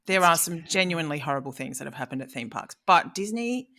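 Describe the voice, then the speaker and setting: A woman's voice: deep voice, expressive, fast talker, pushed and bright. An Australian woman co-hosting a comedy podcast, chatty, enthusiastic and teasing. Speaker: podcast co-host. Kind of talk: casual comedic chat.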